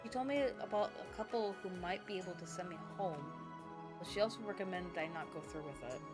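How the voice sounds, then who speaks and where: A woman game streamer with a lowish, brisk voice reads the narration and dialogue of a visual novel aloud as a story, with music playing in the background.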